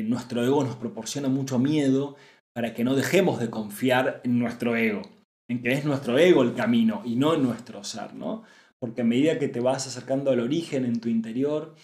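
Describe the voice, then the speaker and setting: A man's voice: medium pitch, a little mellow. Earnest Argentine man in an echoey room. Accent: Argentine Spanish. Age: 30s. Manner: earnest, searching, many fillers and asides. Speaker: spiritual podcast host. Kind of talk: reflective spiritual talk.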